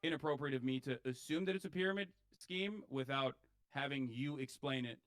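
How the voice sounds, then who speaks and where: A man in a debate, measured and politely sarcastic. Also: mid-range voice, fairly bright tone, dry recording. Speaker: debate guest.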